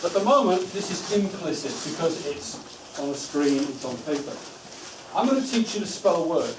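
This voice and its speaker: A man training teaching assistants in a school room. He gives steady instructions and stretches words out syllable by syllable. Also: on the high side, normal speed. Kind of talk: training workshop talk. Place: school room with a live audience. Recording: echoey room from far off, noisy.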